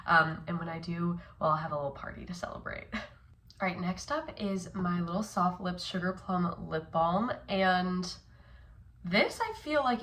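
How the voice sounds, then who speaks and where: A woman's voice: lowish voice, a bit bright, slight background noise. Sick-sounding chatty young woman. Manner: chatty, upbeat, lots of likes and ums. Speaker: beauty vlogger. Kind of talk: casual vlog chat.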